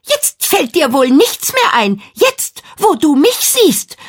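A woman voicing a vain, spoiled young girl who rants and shouts in a shrill voice, in a read-aloud children's story. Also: sing-song, takes it slowly, exaggerated voice. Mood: mocking. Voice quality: shrill, squealing. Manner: indignant, ranting, shouting. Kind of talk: storybook reading.

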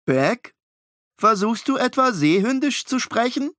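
A man's voice: extremely high pitch, very animated, measured pace, fairly bright tone, no room sound, studio quality, voice pushed up, exaggerated voice. A man voicing a clever, fussy boy twin who talks in a precise, lecturing way. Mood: explaining.

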